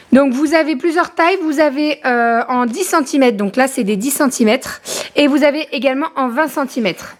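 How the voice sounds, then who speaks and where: A young mother films a casual vlog at home and chats to the camera in a fairly high voice. She fills her pauses with hesitations and keeps breaking off to talk sweetly to her baby. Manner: chatty, filler-heavy, turns aside to coo at her baby.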